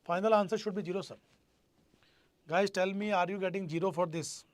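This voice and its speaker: Male online tutor, North Indian accent, high voice, dry sound; repetitive, questioning, addresses students directly. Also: steady tone, fairly quick, dry recording. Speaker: teacher. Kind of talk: live online exam-prep lecture.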